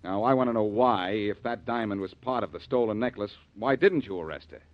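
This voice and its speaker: A man's voice: on the low side, brisk. An actor playing a tough, wisecracking male adventurer in 1940s radio-drama style, with cocky, needling banter, heard as an old radio show broadcast. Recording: dull lo-fi vintage radio recording.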